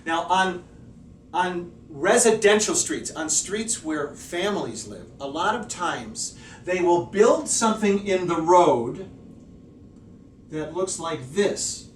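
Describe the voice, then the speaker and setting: Lively male English teacher with a fairly high voice, recorded from a distance in an echoey classroom. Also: takes it slowly, a little hiss or hum. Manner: lively, checks in constantly with "okay?" and "right?". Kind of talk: classroom-style video lesson. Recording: echoey room, voice a bit far off.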